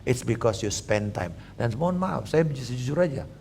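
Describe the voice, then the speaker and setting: A man in his fifties, a pastor preaching a sermon in a lively way and joking with the congregation. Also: medium pitch, normal speed, vocal fry, slight background noise.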